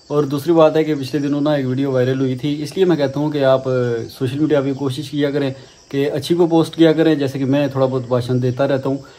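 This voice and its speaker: A man's voice: medium pitch, darkish tone. Rambling man vlogging outdoors. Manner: rambling, chatty, leans on filler phrases. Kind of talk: casual vlog chat while doing garden work. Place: outdoors on farmland.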